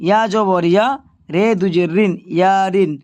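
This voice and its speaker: A man with a fairly high voice teaches Quran reading, patiently sounding out letter by letter before joining the syllables. The recording is dry and close. His delivery is steady and instructive. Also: no echo, highs cut off. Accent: Bangladeshi Bengali. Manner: patient, spells syllables slowly then blends them. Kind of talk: spelling-out recitation lesson.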